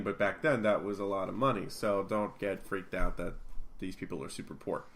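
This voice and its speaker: Man animatedly recapping comic plots. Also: fairly low pitch. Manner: animated retelling, acts out characters' lines. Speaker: podcast co-host. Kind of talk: casual comic book recap.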